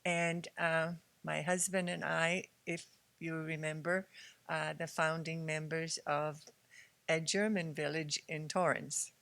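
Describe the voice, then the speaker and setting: A woman's voice: deep voice, flat delivery, slow pace, gravelly, a bit bright, no room sound. A woman from Samoa, a consular official, introducing herself politely on a panel.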